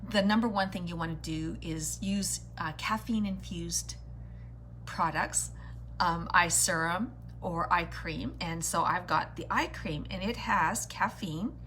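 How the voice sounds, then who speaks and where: Woman, lowish voice, beauty livestream host, casual chat, speaks directly to viewers, noisy humming background. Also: sharp tone. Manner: chatty, addressing viewers directly with greetings and endearments. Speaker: beauty vlogger hosting a live makeup tutorial. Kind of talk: casual livestream chat while doing makeup.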